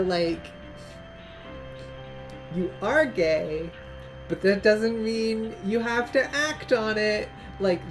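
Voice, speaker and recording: A woman's voice: medium pitch, a little mellow, low-quality recording. A woman co-hosting a game playthrough, musing thoughtfully in rambling sentences full of fillers. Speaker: let's play co-host. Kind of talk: casual game commentary.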